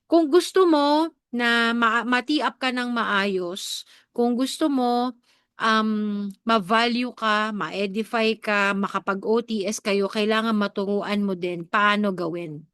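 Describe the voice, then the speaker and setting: A woman's voice: fairly high pitch, fairly even intonation, takes it slowly, a bit bright, smooth, no echo, studio quality. A woman with a Filipino accent giving a network marketing training talk live, mixing in English and asking her listeners questions, a bit congested from an allergy. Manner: coaching, asks the audience questions often; mixes Tagalog and English.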